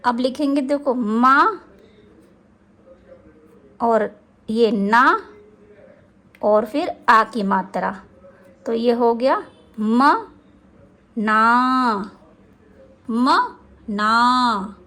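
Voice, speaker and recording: Slow, deliberate woman teaching spelling. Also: a little high, pushed and bright. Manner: slow, drawn-out syllables for pronunciation practice; asks questions to the viewer. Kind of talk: Hindi spelling lesson.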